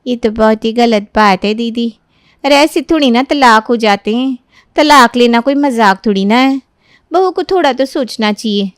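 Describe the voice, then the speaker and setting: A woman's voice: on the high side, normal speed, smooth, dry recording, studio quality, close to an everyday voice. A woman voicing a caring middle-aged mother in a cartoon story, coaxing and soothing in tone. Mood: consoling. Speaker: Madhu, Sonia's mother.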